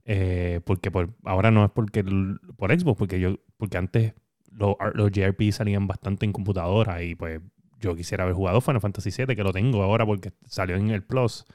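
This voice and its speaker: Low-voiced Puerto Rican man, rambling chat. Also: fairly even intonation, brisk, darkish tone, no echo, clean studio sound. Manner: rambling, hesitant fillers. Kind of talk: casual chat.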